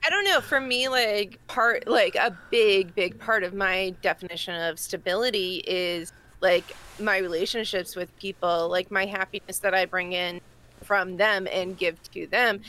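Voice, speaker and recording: Woman cohost, Massachusetts accent, chatty and quick to laugh. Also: mid-range voice, bright, forceful tone. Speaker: podcast cohost. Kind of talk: casual chat, explaining a pagan festival.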